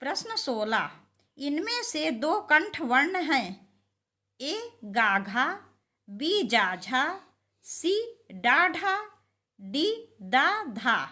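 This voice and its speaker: Slow, high-pitched woman teaching. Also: sing-song, pushed and bright. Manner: reads options slowly, then explains with stressed syllables. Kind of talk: exam quiz lesson.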